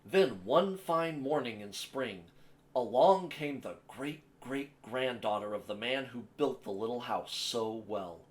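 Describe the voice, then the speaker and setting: A man with a mid-pitched voice reads a children's picture book aloud. He works as a storyteller, shaping the sentences in an expressive, measured way. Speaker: storyteller, host of a story time series.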